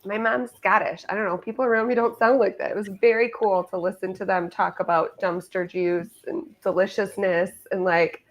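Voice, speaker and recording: A woman's voice: medium pitch, fairly even intonation, moderate pace, few pauses. Enthusiastic female host, mid-range voice, chatty and bubbly. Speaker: podcast host. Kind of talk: casual podcast chat.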